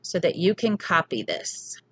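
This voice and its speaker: Slow, patient woman teacher. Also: lowish voice, very animated, a bit bright. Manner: slow, clear, patient sounding-out. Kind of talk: phonics lesson for young children.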